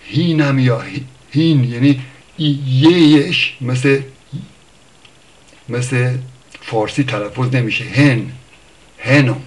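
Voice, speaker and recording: A man giving an informal spoken lesson on word origins. He thinks aloud, pauses often, corrects himself, and lifts his voice for examples. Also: mid-range voice, vocal fry. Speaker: language teacher.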